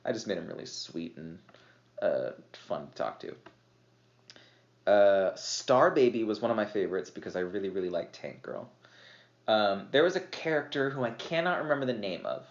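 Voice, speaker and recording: Rambling, slightly tipsy man, low voice. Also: big pitch swings, normal speed. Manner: rambling, filler-heavy, laughs often. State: a little tipsy. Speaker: podcast guest, game master. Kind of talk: casual chat. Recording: roomy, dull lo-fi podcast audio.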